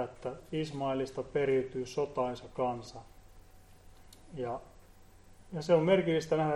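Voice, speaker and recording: A man giving an earnest Bible teaching, often pausing and repeating words as he explains. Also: mid-range voice, darkish tone, reverberant. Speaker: preacher.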